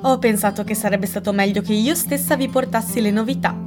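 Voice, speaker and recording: A woman reading aloud and voicing a shrewd, gentle elderly spinster who speaks in a calm, measured way. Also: medium pitch, music in the background, close to an everyday voice.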